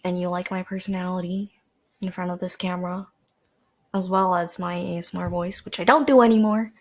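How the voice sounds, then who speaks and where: A young Canadian woman hosts a podcast, rambling casually into a corded desk microphone in a chatty, self-deprecating way full of fillers and restarts. Her voice sits on the low side, with fairly even intonation and a slightly fast pace.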